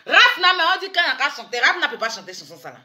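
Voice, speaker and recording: A woman chats through a teasing, animated commentary vlog. Her voice sits a little high and rings very bright. She breaks into sudden loud exclamations. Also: fast. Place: in France.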